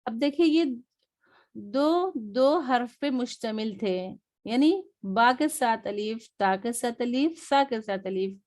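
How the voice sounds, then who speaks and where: A woman teaching an online Quran reading lesson. She patiently repeats each letter sound slowly for her learners. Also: fairly high pitch, a little mellow.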